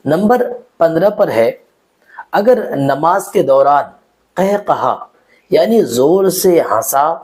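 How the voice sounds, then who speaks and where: A man with a somewhat high, mellow voice teaches religious rules in a numbered list. He speaks to the viewer directly and repeats each point in simpler words. His delivery is steady and instructive. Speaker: Islamic teacher.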